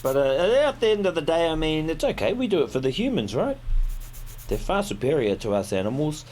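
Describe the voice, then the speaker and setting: A man voicing a meek, cheerfully resigned lab rabbit, halting and apologetic in an animated mockumentary interview. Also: fairly high pitch. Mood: resigned, upbeat. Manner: halting, apologetic, stoically upbeat.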